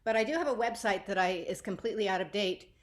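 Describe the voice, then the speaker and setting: A woman's voice: mid-range voice, fast talker. A woman artist speaking as a panelist on a video call, in a wry, self-deprecating way. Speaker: panelist, digital and ink artist. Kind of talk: casual remarks on a video call.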